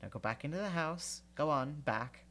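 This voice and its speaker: A man's voice: on the high side, animated, moderate pace, a bit bright, pitched above the performer's own voice. A man reading as a haughty young wizard. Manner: forced, haughty. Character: vain, evasive young male wizard, haughty.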